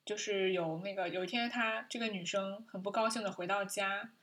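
A woman's voice: mid-range voice, a little fast. A woman co-hosting a podcast, retelling a film scene in casual chat, with lots of laughter and restarts. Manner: animated storytelling, frequent laughter, many restarts. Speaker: podcast co-host.

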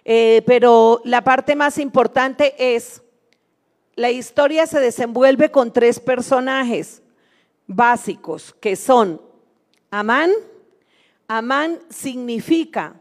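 A middle-aged woman delivers a sermon in a high, bright register. She tells her story in a lively way, voicing each person in it. Her preaching climbs into fervent, ringing exclamations. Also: takes it slowly. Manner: storytelling, acts out quoted dialogue, builds to fervent exclamations. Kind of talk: sermon testimony.

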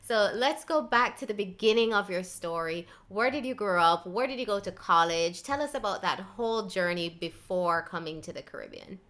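Bright-voiced, effusive woman host. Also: mid-range voice, normal speed, few pauses. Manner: effusive, enthusiastic interviewer. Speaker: podcast host. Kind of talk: conversational interview.

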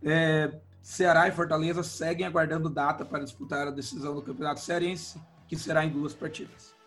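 A man's voice: on the high side, flat delivery, fairly quick, a bit bright. A man with a Brazilian accent and a thin, cracked, reedy voice, hosting a sports round-up and chat. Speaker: sports podcast host. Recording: music behind the voice. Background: background music.

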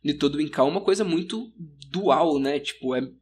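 A man's voice: a little high, fairly quick, darkish tone, a little hiss or hum. A man with a Brazilian Portuguese accent co-hosting a podcast in casual, slangy, grumbling banter. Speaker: podcast co-host.

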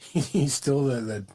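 A husky-voiced man co-hosting a podcast. He chats casually, rambling and restarting his sentences as he goes. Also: medium pitch, a little mellow, rough recording. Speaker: podcast co-host. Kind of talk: casual wrestling chat.

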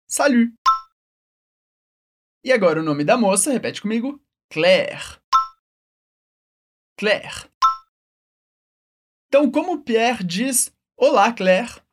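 A woman with a Brazilian Portuguese accent teaching French, upbeat and encouraging, slowing words down for the listener to repeat. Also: medium pitch. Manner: upbeat, encouraging, says words slowly for repetition. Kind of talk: language lesson.

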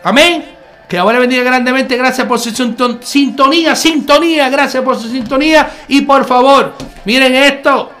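A man's voice: very high voice, normal speed, fairly bright tone, faint music behind. A man giving a conversational online sermon as a Messianic preacher, earnest, repeating key phrases and calling the listener brother.

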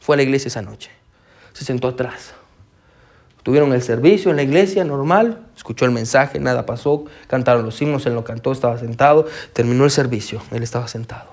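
A man's voice: medium pitch, a little fast. A pastor preaching a sermon, telling a story with animation and calling his listeners brother. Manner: animated storytelling, acts out quoted voices.

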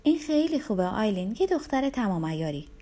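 A woman narrator voicing a beautiful, manipulative young woman who speaks in a soft, flattering, cajoling way. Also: mid-range voice. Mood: coaxing. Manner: gentle like a careful kind nurse.

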